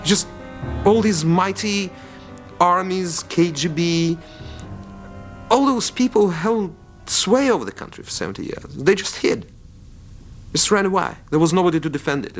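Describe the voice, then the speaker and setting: A man, a former reporter, recalling events as an animated storyteller in an interview. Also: high-pitched, moderate pace, pauses often, soft background music. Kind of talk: interview recollection.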